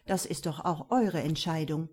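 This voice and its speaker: Brief: woman doing a devoted, impulsive young man, earnest, mellow husky tone. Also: deep voice, normal speed, voice pushed down.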